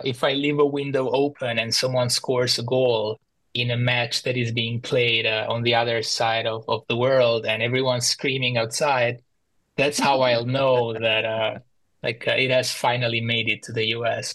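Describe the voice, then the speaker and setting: A man's voice: medium pitch, a bit bright, dry recording. A man with an Albanian accent, speaking casually and good-humouredly as an interview guest. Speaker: podcast guest.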